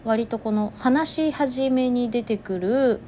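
A woman's voice: fairly high pitch, slow pace, dark tone, a little hiss or hum. A woman with a Toyama accent hosting her own internet radio show, casually musing aloud and amused at herself. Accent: Toyama Japanese. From Toyama, Japan. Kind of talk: casual solo talk.

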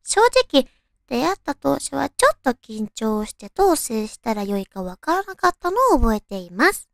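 A woman with a very high, cute anime-girl voice hosts a radio show. Her delivery is girlish and animated, with pitch that moves around a lot. The sound is dry and close, as she talks sweetly to listeners. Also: moderate pace, gravelly, no echo. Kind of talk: soft-hearted radio talk and read-out listener love stories.

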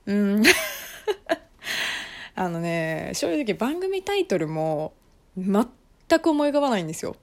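Chatty woman with a lively voice. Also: medium pitch, takes it slowly, pauses often. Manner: chatty, laughs often, many soft fillers. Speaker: podcast host. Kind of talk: casual solo podcast chat.

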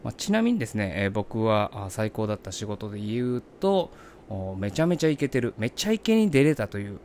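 A man's voice: on the low side, big pitch swings, a little fast, darkish tone, slight background noise. A man, a comedian, talking through his career in a polite, chatty podcast monologue.

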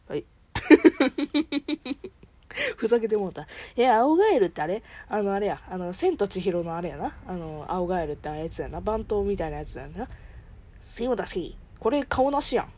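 A woman's voice: medium pitch, animated, normal speed, darkish tone. A woman with a Kansai accent talking alone in a playful, self-mocking, chatty way as host of a solo audio show. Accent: Kansai Japanese. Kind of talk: casual solo talk with impressions.

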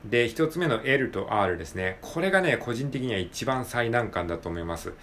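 A man hosting his own podcast, talking alone in a polite, relaxed way with many drawn-out fillers. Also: medium pitch, slight background noise. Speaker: podcast host. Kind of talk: casual solo podcast talk.

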